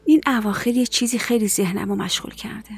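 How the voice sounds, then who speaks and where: A woman's voice: fairly high pitch, darkish tone, soft background music, close to an everyday voice. A middle-aged actress dubbing a stern, suspicious mother in a TV drama, commanding and probing. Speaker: dubbing actor. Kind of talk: dubbed TV drama dialogue.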